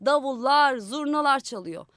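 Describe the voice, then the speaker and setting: A woman reading a literary short story aloud in a radio studio, acting out the characters with changes of pitch and loudness. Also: lively intonation, moderate pace, no room sound. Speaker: audiobook narrator. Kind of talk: scripted literary narration.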